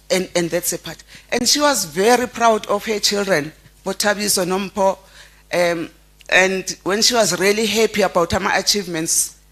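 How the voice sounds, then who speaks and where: Woman, middle-aged, South African accent, memorial eulogy, heartfelt storytelling, halting restarts, mid pitch. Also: fairly bright tone. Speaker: family friend giving a tribute.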